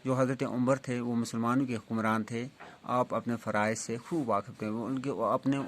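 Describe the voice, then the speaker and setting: A male teacher giving a reading lesson to young children. He goes through the text slowly, restating each sentence in simpler words. His voice stays at an ordinary middle pitch. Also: a little hiss or hum. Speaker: school teacher.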